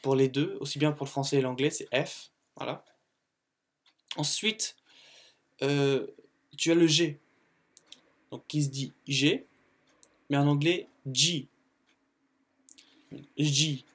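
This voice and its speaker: A man hosting his own video, teaching in a casual, chatty way with frequent hesitations and restarts. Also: on the high side. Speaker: YouTube host teaching the English alphabet. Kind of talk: casual informal tutorial.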